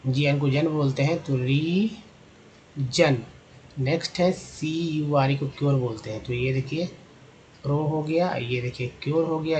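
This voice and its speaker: Male tutor, a bit high-pitched, slow repetitive delivery for a pronunciation lesson. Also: a little mellow, a little hiss or hum, poor audio. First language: Hindi. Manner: slow, repetitive, drawn-out demonstrations of sounds. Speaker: English teacher.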